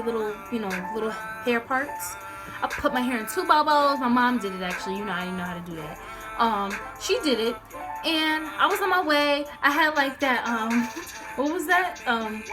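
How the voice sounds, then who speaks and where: A storytime vlogger, a young American woman with a very high-pitched voice, tells a casual story directly to her viewers. She's animated and full of slang, slipping into acted-out dialogue along the way, with music playing behind her.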